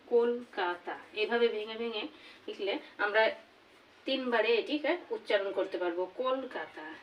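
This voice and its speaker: A woman teaching a grammar lesson, slowly repeating each example word. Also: a little high, a little hiss or hum. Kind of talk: classroom lesson. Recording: voice from far off the mic.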